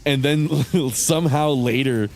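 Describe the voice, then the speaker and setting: Speaking at a slow pace in a mid-range voice, a man chats casually while livestreaming a game. He sounds congested and nasal, and his talk rambles, full of swearing and laughter between thoughts.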